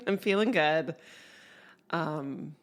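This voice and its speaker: A congested woman talks slowly and unhurriedly through a reflective solo podcast episode. Her low voice carries a gravelly, creaky edge, and her musing delivery is dotted with soft laughs. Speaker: podcast host.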